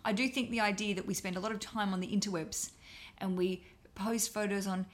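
A woman's voice: mid-range voice, steady tone, fairly quick. Chatty woman podcast co-host. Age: 30s. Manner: chatty, laughs easily, swears casually. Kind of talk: casual chat.

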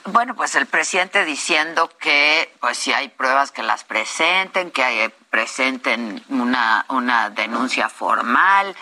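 A woman's voice: lowish voice, pushed and bright. A woman, interviewing a guest in a conversational tone.

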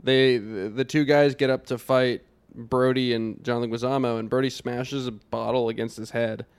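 Smooth-voiced easygoing podcast man. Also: medium pitch, fairly even intonation, moderate pace, no echo. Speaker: podcast co-host. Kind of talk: casual movie podcast chat.

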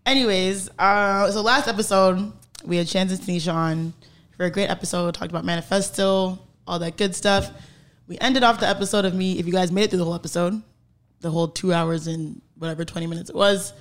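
A young woman hosting a casual podcast chat, animated and teasing, often laughing as she talks. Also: fairly low pitch, fairly quick. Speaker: podcast host.

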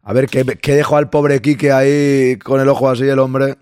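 A man, hoarse and losing his voice, hosting a live-stream podcast and chatting casually, greeting listeners and reading their messages aloud. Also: mid-range voice, steady tone, moderate pace, a little mellow, no room sound, clean studio sound.

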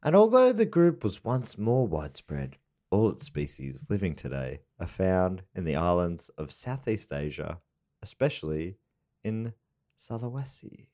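A man's voice: sits low, very animated, a little slow, mellow. A man co-hosting a podcast, playful and mock-serious, stumbling over long words as he reads. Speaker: podcast co-host. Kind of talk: casual comedic chat.

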